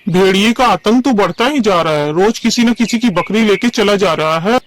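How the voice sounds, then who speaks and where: A man's voice: high voice, animated, normal speed, dry recording. A man voicing a stern, worried village man in a cartoon story, who speaks in a firm, urging way. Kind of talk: cartoon voice acting.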